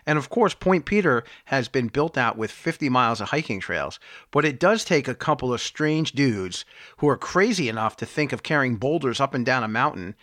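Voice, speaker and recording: Brief: male podcast host, measured and even, close and dry with no room sound. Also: mid-range voice, no echo. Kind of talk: casual interview.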